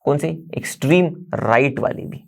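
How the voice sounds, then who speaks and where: A man's voice: medium pitch, normal speed, gravelly, a little mellow. A man teaching a chemistry lesson, standing at a board. He explains step by step, mixes English terms into his Hindi and keeps checking in with the class. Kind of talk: classroom lecture.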